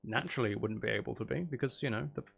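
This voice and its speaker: On a gaming livestream, the male host chats casually, thinking aloud as he builds and bantering playfully with viewers, swearing mildly now and then. His mid-range voice is creaky and racing, with background noise audible.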